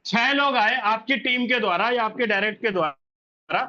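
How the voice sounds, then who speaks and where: A man's voice: sits high, normal speed, pushed and bright. A man explaining a referral income plan step by step. He keeps repeating himself and asks questions that he then answers himself. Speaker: crypto plan presenter. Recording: dull lo-fi audio.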